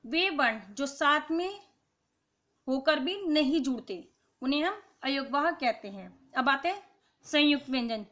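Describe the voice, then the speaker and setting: High, bright-voiced woman teaching slowly. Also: animated, lo-fi sound. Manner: slow, deliberate explanation, spelling out sounds one by one. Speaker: school teacher. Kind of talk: classroom grammar lesson.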